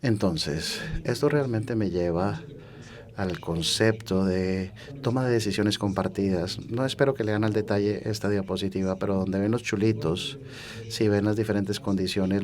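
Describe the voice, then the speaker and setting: Low-voiced man interpreting. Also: crowd noise. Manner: measured, halting phrases with self-corrections. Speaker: simultaneous interpreter. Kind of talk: interpreting a conference talk.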